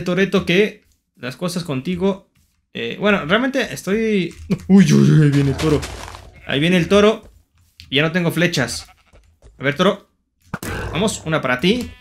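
A young man giving excitable, playfully taunting commentary while playing a survival game. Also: high-pitched, slight background noise. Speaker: gaming YouTuber. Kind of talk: Minecraft gameplay commentary.

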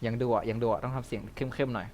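A man's voice: medium pitch, rapid-fire, darkish tone. A man giving casual commentary over a video game he is playing. He is chatty and polite, and he jokes around by ad-libbing lines for the characters. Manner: chatty and polite, ends phrases with courteous particles. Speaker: gamer hosting a let's play channel.

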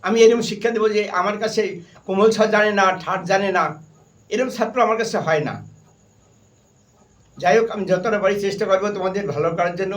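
High-pitched and fairly even in intonation, this Bengali-accented man speaks fast with frequent pauses, recorded from a distance. He's leading a harmonium and keyboard lesson, repeating points firmly and giving stern reminders. He names and sings notes as he plays the keyboard.

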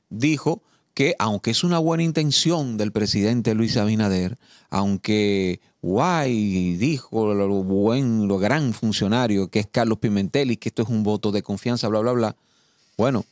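A man's voice: medium pitch, no echo. A man with a Dominican accent giving emphatic, indignant political commentary on a studio talk show. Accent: Dominican Spanish. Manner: indignant, emphatic, reads law text slowly and deliberately. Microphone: studio mic.

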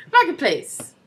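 A woman's voice: very high voice, slight background noise. A young woman co-hosting a let's play, chatting casually, giggling and reading game text aloud in a playful way. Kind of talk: casual gameplay chat.

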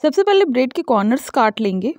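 A woman, the host of a cooking channel, calmly explaining each step of a recipe in a home-kitchen voice-over. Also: high voice, quick pace, dry recording. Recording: dull lo-fi voice-over.

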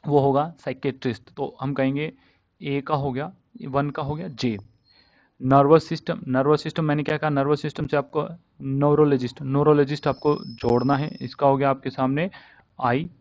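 In a relaxed vocabulary lesson mixing Hindi with English, a man drills pronunciation by saying each word over and over. He speaks at a normal pace in a level, darkish, mid-range voice, with no room sound on the dull, dry, lo-fi recording.

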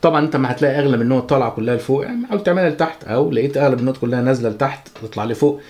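A man with an Egyptian Arabic accent giving a chatty, joking guitar lesson, counting the beats out loud. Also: medium pitch, lively intonation, rapid-fire. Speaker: guitar teacher. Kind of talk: casual spoken music lesson.

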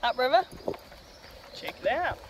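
A woman's voice: high voice, a little slow, low-quality recording. A young woman in her twenties chatting wryly to a phone held at arm's length while touring outdoors in a river gorge. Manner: chatty, wry asides. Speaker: travel vlogger. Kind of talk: casual travel vlog to camera. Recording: outdoor noise behind voice.

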